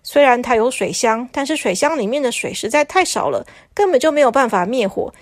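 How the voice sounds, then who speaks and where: Brief: high, eager talking toilets in a kids' story, squabbling, voiced by a woman. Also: a little fast, no echo, studio quality. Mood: gloomy. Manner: excited, bickering. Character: chatty talking toilets, boastful then sulky.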